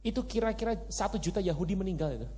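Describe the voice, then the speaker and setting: Animated male preacher in a reverberant hall. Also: high-pitched, rapid-fire. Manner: animated, conversational, rhetorical questions to the congregation. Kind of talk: sermon. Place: church hall.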